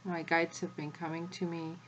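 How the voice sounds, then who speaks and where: A woman leading a guided spiritual energy activation as the guide, speaking in a measured way with long pauses between short phrases. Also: on the low side, little pitch movement, highs cut off, slight background noise.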